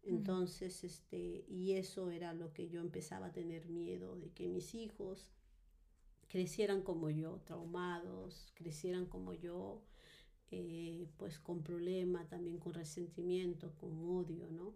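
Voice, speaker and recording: A woman's voice: on the low side, flat delivery, unhurried, vocal fry, mellow. A woman giving a personal testimony in conversation, hesitant and full of fillers and tag questions.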